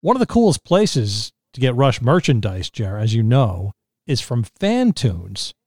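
A man's voice: mid-range voice, huge pitch swings, unhurried, a little mellow, slightly rough, no room sound, clean studio sound. A man co-hosting a fan podcast, introducing the guest and asking questions in a friendly way. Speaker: podcast co-host. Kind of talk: casual podcast chat.

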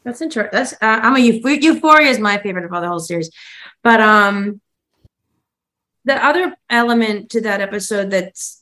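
A woman's voice: medium pitch, normal speed, a bit bright. A woman co-hosting a casual rewatch podcast, telling self-deprecating stories about acting on the show. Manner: chatty, self-deprecating storytelling. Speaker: podcast co-host, former actress.

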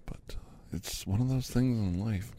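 A man playing a gravelly fifty-something doctor in whispered role-play. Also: fairly low pitch, a little slow, warm tone, a little hiss or hum. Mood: chatty. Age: 50s. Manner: rambling, easygoing, half-whispered. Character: chatty fifty-something male doctor giving a massage. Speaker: ASMR host.

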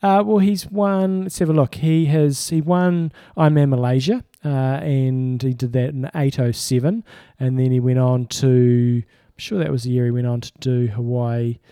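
A man's voice: medium pitch, steady tone, moderate pace, warm tone, smooth, dry recording, clean studio sound. A man co-hosting a sports podcast in casual chat, with an informal, matter-of-fact way of talking. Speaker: podcast co-host.

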